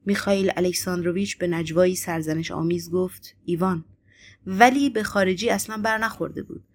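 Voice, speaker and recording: A woman narrating an audiobook in a measured, steady reading voice. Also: fairly low pitch.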